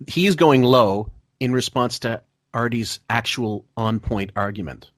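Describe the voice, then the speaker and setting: A man hosting a casual podcast discussion, blunt and profane, talking in rushing restarts. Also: medium pitch, no room sound, clean studio sound. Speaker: podcast host.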